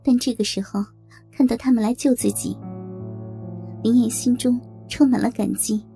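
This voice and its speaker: A woman reads a story aloud at a steady pace. Her voice is somewhat high yet mellow and husky, with soft music playing quietly under her. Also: moderate pace. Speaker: narrator. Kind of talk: audio story reading. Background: faint background music.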